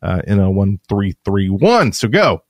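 In a relaxed podcast conversation, this male co-host rambles, chats, and keeps correcting himself. He speaks a little slowly in a fairly low voice with big pitch swings, and the studio-quality recording is dry.

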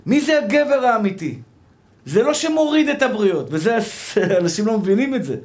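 High-voiced man preaching a sermon. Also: very animated, darkish tone. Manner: emphatic, repeats rhetorical questions, calls listeners brother. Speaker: rabbi. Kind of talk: sermon to a live audience.

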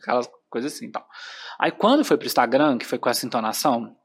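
A Brazilian man with a Brazilian Portuguese accent chats as a podcast guest, spinning an animated story packed with filler phrases. His voice sits at a middle pitch but swings widely, rising and dipping as he goes. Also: fast, husky. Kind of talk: casual podcast chat.

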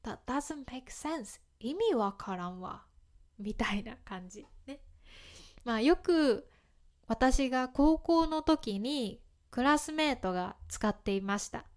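A woman teaching phrases in a casual podcast, speaking slowly and clearly with a light tinge and short English glosses. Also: fairly high pitch, animated. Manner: slow, clear explanations mixing in English glosses. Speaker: Japanese language teacher.

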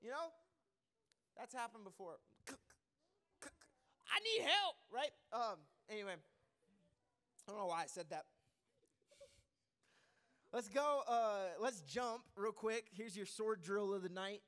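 A man preaching a sermon as a pastor, lively and joking, rambling with fillers and restarts. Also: high voice, takes it slowly, pauses often.

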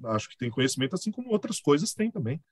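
A Brazilian man chats as a guest, his voice pitched a little high and swinging widely as he tells stories. He has a husky edge and keeps dropping little tag questions. The sound is dry and close. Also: rapid-fire, no room sound. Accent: Brazilian Portuguese. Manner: animated storyteller, chuckles often, many filler tags. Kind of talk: casual conversation.

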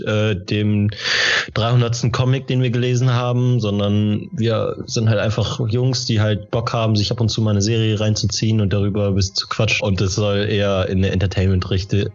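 Wry young man, lowish voice. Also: darkish tone. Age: 20s. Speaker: podcast co-host. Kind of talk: casual chat. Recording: dull lo-fi sound.

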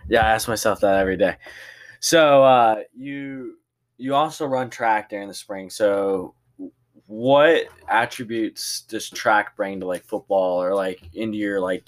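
Low-voiced male coach asking questions. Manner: loose, rambling questions with fillers. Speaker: coach interviewer. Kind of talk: casual interview questions.

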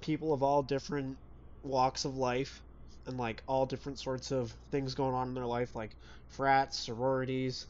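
A man's voice: mid-range voice, flat delivery, normal speed, darkish tone. A man chatting casually as a podcast co-host. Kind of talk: casual chat. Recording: dull lo-fi sound, faint background noise.

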